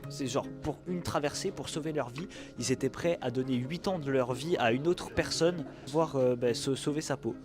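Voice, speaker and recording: A young man in his late teens, filming a casual travel vlog on a phone while walking around a city, joking and excitable. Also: medium pitch, moderate pace, hardly any pauses, music in the background. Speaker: student vlogger. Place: on the move, outdoors in a city, on a coach and in a museum. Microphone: phone held while filming.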